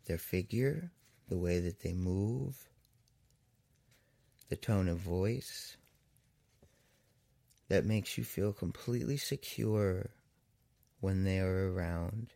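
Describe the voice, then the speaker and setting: A deep-voiced man with a gravelly fry leads listeners through a meditation, his short, calm phrases separated by long pauses. The tone is dark and the pace very slow, captured in a close recording that is entirely dry.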